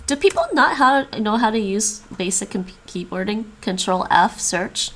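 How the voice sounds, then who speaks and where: A woman with a medium-pitched, slightly bright voice speaks slowly with lively intonation, over slight background noise. Raised with both English and Chinese, she chats casually on a stream while studying languages, thinking aloud and repeating foreign phrases.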